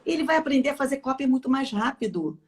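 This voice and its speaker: A woman, an experienced teacher talking on a casual live chat. Her voice is a little high, and she speaks emphatically, acting out little scenes as she gives advice. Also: lively intonation, fast talker. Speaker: guest educator, former school teacher.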